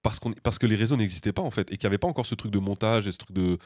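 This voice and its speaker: A man from France co-hosting a podcast, rattling off slangy jokes and blunt opinions at a rapid clip. His voice sounds close and dry, with no room around it. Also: fairly low pitch, a little mellow, no echo. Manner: slangy, joking, quick-fire opinions. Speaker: podcast co-host. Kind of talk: casual chat.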